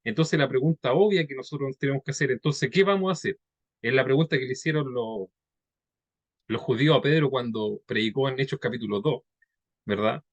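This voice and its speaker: A man's voice: mid-range voice, dry recording. Man preaching in a dry, close sound. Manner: conversational teaching, frequent "¿ya?" and "¿verdad?" tags; reads scripture slowly and deliberately. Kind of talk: sermon.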